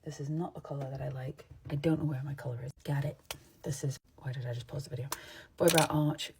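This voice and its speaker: A woman from England with a partly Americanized English accent, chatting and rambling into her phone at home while doing her makeup, sometimes dropping into soft asides. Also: a bass voice, fairly even intonation, quick pace, vocal fry, a little hiss or hum. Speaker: makeup vlogger. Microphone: phone camera.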